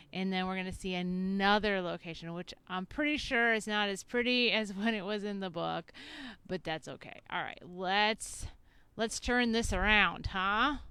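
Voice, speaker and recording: A woman's voice: medium pitch, pushed and bright, smooth, no room sound. A woman chatting in a rambling, playful way while she walks outside past a house, filming herself on a handheld camera. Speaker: author vlogger. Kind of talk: casual walking vlog. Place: outdoors by a house in spring. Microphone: handheld camera or phone.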